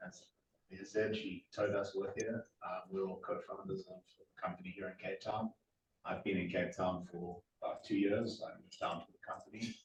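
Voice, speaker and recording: A man's voice: sits low, flat delivery, normal speed, slight background noise. A man from South Africa, a guest introducing himself in a friendly, slightly hesitant way. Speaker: club guest. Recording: dull echoey room from far off.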